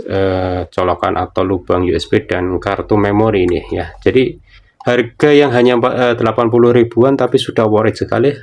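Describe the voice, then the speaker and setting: A product reviewer gives a casual demonstration, explaining things informally and often repeating himself. His voice is gravelly and fairly low-pitched.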